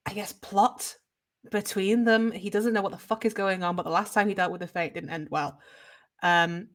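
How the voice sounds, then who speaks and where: A woman's voice: medium pitch, fairly bright tone. A woman playing in a tabletop role-playing game, casually thinking aloud with fillers and swearing. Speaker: player.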